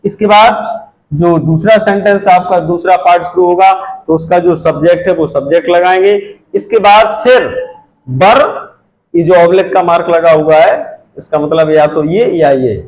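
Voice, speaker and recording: A man's voice: high-pitched, unhurried, darkish tone, low-quality recording. A man teaching an English grammar lesson, explaining step by step and repeating key phrases as he points to the board. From India.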